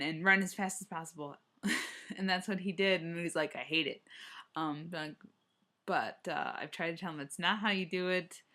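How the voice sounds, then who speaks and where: Rambling young woman on a vlog, lowish voice. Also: fairly bright tone. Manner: rambling, hesitant, trailing off and restarting. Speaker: running vlogger. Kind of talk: casual solo vlog chat.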